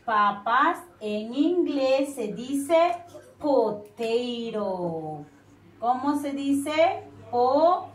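A young woman teaching children English words bilingually, slowly modeling each word for them to repeat. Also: high-pitched, animated. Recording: echoey room, voice from far off, faint noise.

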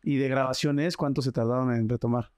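Mexican male podcast host, rapid slangy reactions, mid-pitched, dry close mic. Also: fairly even intonation, a little mellow, no room sound. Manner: quick reactive interjections, slangy. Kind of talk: casual chat.

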